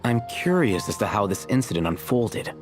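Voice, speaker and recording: A man's voice: on the low side, very animated, moderate pace, music in the background. A man voicing an aloof male scholar in a game, dry and terse.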